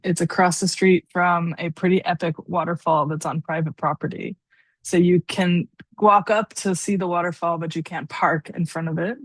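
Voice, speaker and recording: A woman's voice: fairly low pitch, no room sound. A woman co-hosting an unscripted podcast, telling a travel story in a chatty way with easy fillers. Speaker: podcast co-host. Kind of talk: unscripted casual chat.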